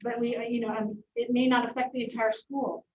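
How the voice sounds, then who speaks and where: A woman district administrator explains policy in a measured, reassuring way. She is heard from a distance in a roomy meeting hall. The audio is dull and boxy. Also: on the high side, level tone, darkish tone, slight background noise. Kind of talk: board meeting remarks. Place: board meeting room.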